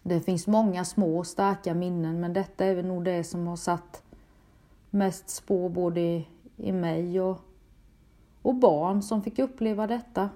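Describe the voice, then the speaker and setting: A middle-aged woman from Sweden telling a painful personal story in a halting, emotional way, often repeating her words. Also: lowish voice, fairly even intonation, warm tone. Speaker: storyteller recounting a personal experience. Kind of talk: personal testimony.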